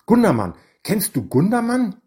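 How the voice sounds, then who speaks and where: A man voicing a calm, capable young woman healer in a storybook reading, matter-of-fact. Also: high-pitched, normal speed, pitched above the performer's own voice.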